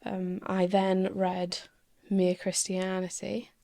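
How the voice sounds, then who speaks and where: A woman's voice: medium pitch, completely flat delivery, slow pace, creaky, dark tone. A woman, chatting as a podcast guest in a hesitant, thoughtful way. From Swansea, Wales. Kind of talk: casual interview chat.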